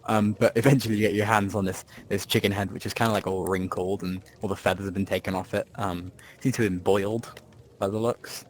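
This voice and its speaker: Male game master with a low voice, loose and rambling narration. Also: steady tone, quick pace. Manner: rambling narration with many ums, laughs and restarts.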